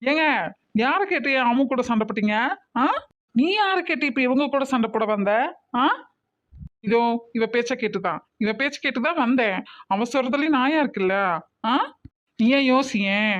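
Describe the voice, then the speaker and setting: Bossy scolding auntie type in a cartoon drama, kinda high voice, a bit muffled sound. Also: female voice, expressive, moderate pace, pauses often, a bit bright. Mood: arguing. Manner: scolding and emphatic, with many rhetorical questions. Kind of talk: cartoon family drama voice acting. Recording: slightly muffled recording.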